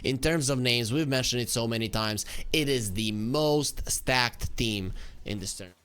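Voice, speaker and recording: A man's voice: mid-range voice, moderate pace, fairly bright tone, clear, resonant tone. A man from Serbia, casting a live esports match in an upbeat, self-joking way and reading out the team rosters. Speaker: esports caster.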